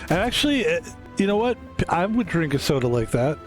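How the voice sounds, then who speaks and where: A man's voice: a little high, big pitch swings, fairly quick, faint music behind. A young man from Philadelphia streaming a game, chatting casually and rambling through stories with many restarts. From Philadelphia, USA. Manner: rambling, self-interrupting storyteller.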